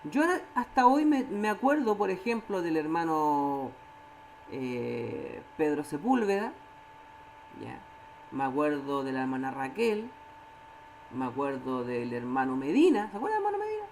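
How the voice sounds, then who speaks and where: A woman with a Chilean Spanish accent leading a church Bible study, animated, acting out quoted voices and often checking in with her listeners. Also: sits low, unhurried, a little hiss or hum, poor audio.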